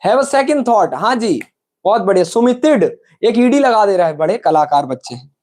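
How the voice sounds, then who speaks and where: Man, Indian English accent, live lesson teacher, switches between Hindi and English, reads English sentences slowly, keeps asking if viewers follow. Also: sits high, big pitch swings, a little mellow. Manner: addresses viewers as friends, asks if they understood.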